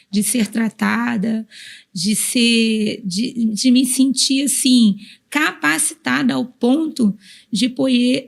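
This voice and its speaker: A woman's voice: sits high, creaky. A woman pastor telling her personal story as a podcast guest, heartfelt and emotional, repeating phrases as she goes. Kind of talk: personal testimony in a podcast interview.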